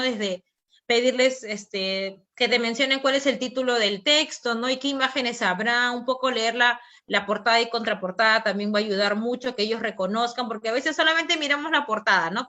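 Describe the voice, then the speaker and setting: Bright Peruvian woman giving a teacher talk. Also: on the high side. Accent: Peruvian Spanish. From Peru. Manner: tag questions, frequent fillers, conversational. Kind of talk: online teacher training talk.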